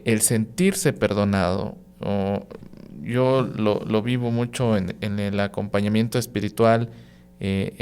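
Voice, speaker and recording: Reflective priest, unhurried. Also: male voice, medium pitch, a little mellow, clean tone. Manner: reflective, explains with everyday examples; frequent "¿no?" and "¿sí?" tag questions. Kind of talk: radio podcast reflection.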